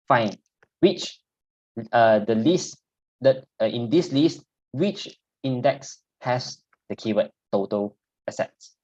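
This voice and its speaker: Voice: mid-range voice, a little mellow, muffled recording. An instructor with a Singaporean or Malaysian accent explains technical steps informally in Singlish, often ending phrases with "lah". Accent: Singaporean or Malaysian English. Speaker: programming instructor.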